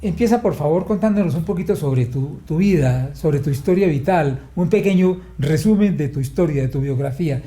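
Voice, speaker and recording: Slow, deliberate male interviewer. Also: a little high, expressive, warm tone, echoey room. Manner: slow, measured, searching for words. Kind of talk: formal interview.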